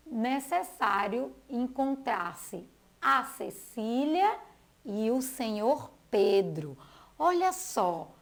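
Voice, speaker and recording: A fairly high-pitched woman teacher with a Brazilian Portuguese accent presents a school TV lesson to young children. She lengthens names and syllables at a slow pace.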